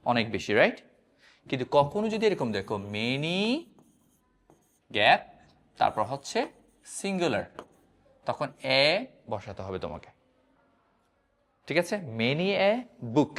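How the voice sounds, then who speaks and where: A man teaching an English grammar lesson, repeatedly asking his students questions and drilling the answers. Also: medium pitch. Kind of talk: classroom-style grammar lesson.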